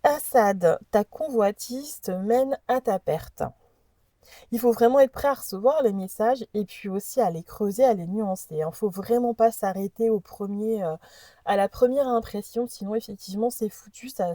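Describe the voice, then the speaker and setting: A woman's voice: mid-range voice, moderate pace, mellow, no echo. A woman host presenting an oracle deck in a casual chat, reading the card messages aloud and hesitating over unfamiliar names.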